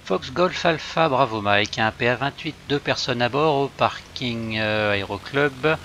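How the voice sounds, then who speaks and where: A man making clipped, formal pilot radio calls into a cockpit headset, pausing now and then as he reads them out. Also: medium pitch, bright, forceful tone, slight background noise. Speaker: simulator pilot. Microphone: headset mic.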